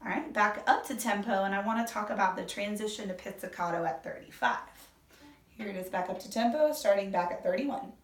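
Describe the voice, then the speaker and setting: In a brisk mid-range voice, a woman teaching orchestra gives a violin lesson, counting beats out loud and going through it step by step. The recording comes from a mic at a distance in an echoey room, with violin playing.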